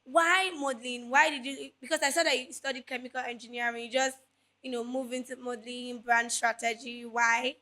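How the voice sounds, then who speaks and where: A woman's voice: on the high side, level tone, a little fast, pushed and bright. A Nigerian woman hosting a casual interview chat, playful and laughing often. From Lagos, Nigeria. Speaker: podcast host.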